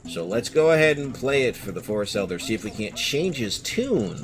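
A man hosting a video game let's play, chatting casually and thinking out loud as he plays. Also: mid-range voice, very animated, brisk. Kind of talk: casual gameplay commentary. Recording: game music playing behind.

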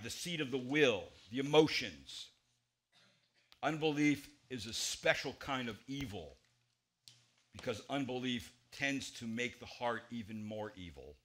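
Pastor, male, 40s, preaching from a church pulpit, bright forceful voice, big emphatic swings. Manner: emphatic, gesturing widely, swings between loud stresses and quiet low drops. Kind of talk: expository sermon.

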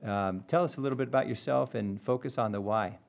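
A man's voice: medium pitch, brisk, creaky. A middle-aged man hosting a podcast, greeting guests and steering the conversation with friendly questions. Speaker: podcast host. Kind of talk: podcast interview. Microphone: headset with podcast mic.

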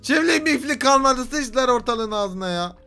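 A young man giving frantic let's-play commentary, yelling and swearing at creatures. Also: very high voice, expressive, moderate pace, gravelly, smooth. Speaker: gaming YouTuber. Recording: game music underneath.

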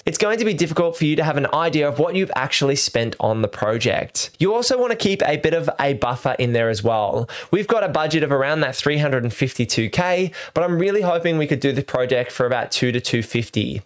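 Talking to camera for his home renovation series, this Australian vlogger in his thirties explains things from a small room at home. His voice is fairly high-pitched, clear and resonant, recorded on a desk mic held close to his mouth.

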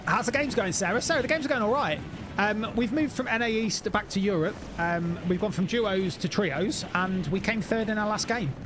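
A man's voice: sits high, normal speed, over music. A man livestreaming a game, chatting casually with viewers, joking and swearing. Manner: jokey, greets chatters by name, swears. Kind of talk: casual gaming stream chat.

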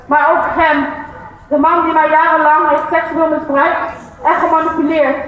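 A woman's voice: extremely high pitch, a bit bright. A woman giving a personal testimony as a speaker at an outdoor demonstration, firm and defiant in tone. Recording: very echoey outdoor PA sound.

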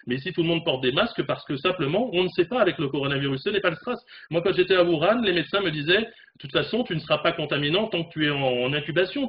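A man in his forties, a correspondent in South Korea, reports on a remote news discussion from a room at home via webcam. He speaks fast and animatedly in a fairly high pitch, talking with his hands. The video call audio is dull, with faint noise.

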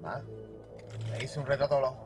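An actor playing an excitable young man in a Cuban TV police drama, with a Cuban accent. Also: medium pitch, fast, over music, close to an everyday voice. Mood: excited. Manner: excitable, yelping.

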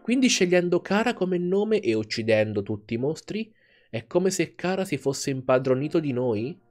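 A man hosting a let's play, giving gaming commentary with animated reactions and laughter. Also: a little high, moderate pace, soft background music.

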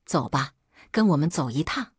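A woman's voice: low voice, lively intonation, normal speed, slightly rough, no echo, clean studio sound, exaggerated voice. A woman doing a curt constable. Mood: brusque. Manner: curt, brusque. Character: brusque male constable.

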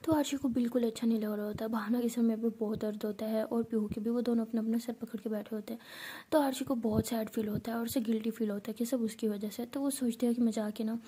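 A woman narrating a story in a rapid, breathy whisper. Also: a little high, fairly even intonation, mellow.

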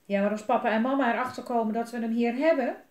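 A woman's voice: a little high, fast, darkish tone, pitched above the performer's own voice, natural voice. A young, determined girl urges her brother on in a raised, eager voice, played by a woman reading a storybook aloud. The room lends a light echo. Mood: worried. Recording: roomy echo.

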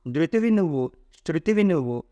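A man's voice: fairly high pitch, lively intonation, moderate pace, dark tone, close to an everyday voice. A man voicing personified scriptures who recite a devotional hymn of praise to a goddess in a mythological story reading. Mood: reverent. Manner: devotional, chant-like listing.

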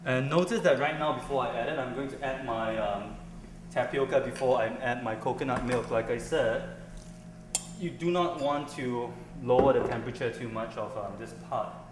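A man's voice: medium pitch, moderate pace, reverberant, noisy background. A young man from Singapore hosting a cooking show, chatting casually and hesitantly with many ums while he cooks in a large indoor kitchen, picked up by a camera some way off. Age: young adult.

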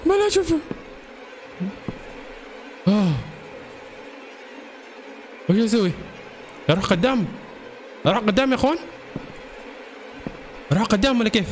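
A man commentating a horror game let's-play, excitable and jumpy, constantly calling out to his viewers. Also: sits high, brisk, pauses often, a little hiss or hum. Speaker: gaming channel host.

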